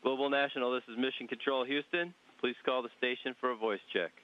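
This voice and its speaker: A man's voice: mid-range voice, steady tone, fast. A man from mission control making formal, clipped radio calls over a space-to-ground radio loop. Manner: clipped, formal call-sign phrasing. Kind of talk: radio protocol call. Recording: dull lo-fi radio channel.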